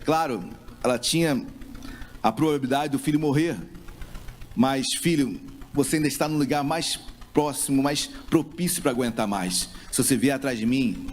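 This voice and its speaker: A man's voice: mid-range voice, darkish tone, slight background noise. A man preaching a sermon as pastor with a Brazilian Portuguese accent, speaking with passion and voicing a grieving mother's words. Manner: impassioned preaching, acting out a mother's voice.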